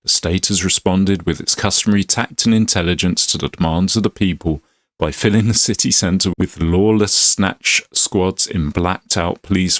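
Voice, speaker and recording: A man's voice: low-pitched, a bit bright, no room sound, studio quality. Playful man commentating his gameplay. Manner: playful, laughing, swearing. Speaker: gaming YouTuber.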